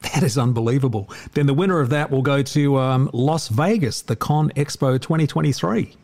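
Male Australian radio interviewer, medium pitch, easygoing conversational questioning. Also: moderate pace, gravelly, a little mellow.

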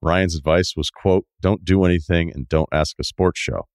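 Really deep voiced guy, casual podcast host reading emails, dry close sound. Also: steady tone, normal speed, no echo.

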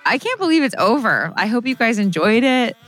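A woman's voice: fairly high pitch, sing-song, fairly quick, a bit bright, soft background music. A woman hosting a podcast, talking in a chatty, earnest way. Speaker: podcast host. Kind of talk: casual podcast chat.

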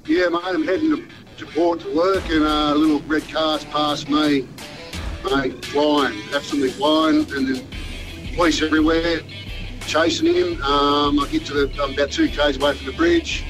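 A man's voice: a little high, normal speed. Matey Australian bloke, tradesman-like phone caller. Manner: laid-back tradesman-like talk, plain and matey. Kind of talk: casual eyewitness account. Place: on the highway on the way to work. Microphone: phone call. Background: music.

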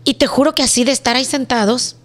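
A woman's voice: high-pitched, quick pace. A woman in her fifties with a Mexican Spanish accent, a guest telling her story in a casual interview and acting out voices as she goes. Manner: animated, acts out voices in her stories. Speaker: guest, business owner.

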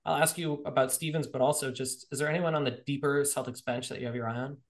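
A man's voice: mid-range voice, steady tone, fast. A man hosting a podcast in casual, joking chat, his voice sounding echoey in the room. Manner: upbeat, joking, plugs sponsors. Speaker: podcast host.

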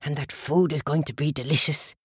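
A woman's voice: sits low, fairly even intonation, husky, dry recording, studio quality, pitched below the performer's own voice. A woman voicing a sensible, good-natured male dog. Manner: plain, sensible and deliberate.

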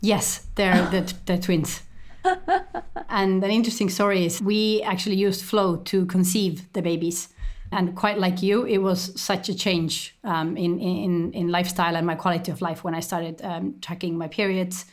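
An Estonian-raised company executive in her thirties, a guest in a conversational interview, answers questions steadily and articulately. She pauses on small ums and repeated words, and her voice sits a little low.

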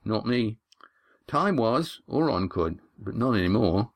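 A man's voice: on the low side, lively intonation, a little slow. A man narrating a story voices a seasoned older male sailor, speaking plainly and bluntly. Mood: matter-of-fact.

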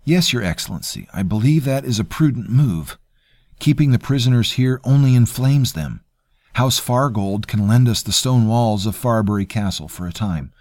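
A man plays an officious, sneering noble, smooth and condescending in manner. His mid-range voice, pitched above his own yet close to an everyday voice, has lively intonation, a moderate pace and a slightly mellow quality. The studio sound is clean with no echo.

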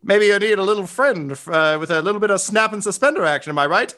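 A man's voice: high voice, fast, bright, forceful tone, voice pushed up. Man doing a chirpy folksy old-timey fellow. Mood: chummy.

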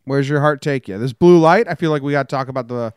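Over faint background music, a fast-talking man with a medium-pitched voice co-hosts a sports podcast. He trades sarcastic banter and reads quirky news headlines, adding dry jokes in a casual sports chat and jokey news rundown.

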